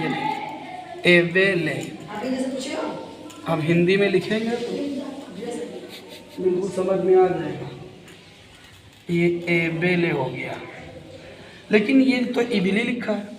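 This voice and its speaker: A fairly high-voiced man with an Indian Hindustani accent gives a slow, repetitive reading lesson. He spells out each letter and vowel mark patiently. The room is echoey, with a long reverb tail. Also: a crowd in the background. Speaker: Quran reading teacher.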